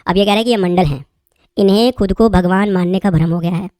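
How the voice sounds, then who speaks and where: A woman's voice: medium pitch, fast talker, a little mellow, no room sound, studio quality. A woman commentator reading out social media posts and remarking on them in a chatty way, talking straight to her viewers. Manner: chatty, addresses viewers directly as brother.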